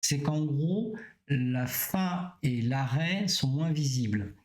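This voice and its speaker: A man hosting a live stream, explaining in a casual, rambling way with many pauses and fillers. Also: fairly high pitch, expressive. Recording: echoey room.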